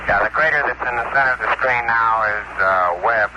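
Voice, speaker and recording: A man reporting from a spacecraft over a crackly space radio link, halting with many pauses. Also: medium pitch, lo-fi sound. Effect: crackly space radio transmission. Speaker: astronaut. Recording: hissy archival radio link.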